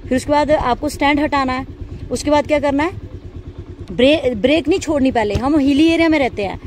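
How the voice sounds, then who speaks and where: A woman teaching scooter riding outdoors on a hilly road, giving patient step-by-step instructions and coaxing the rider on with steady praise. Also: sits high, a little fast, slight background noise. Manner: encouraging, coaxing, repeats cues like "shabash". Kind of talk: hands-on instruction.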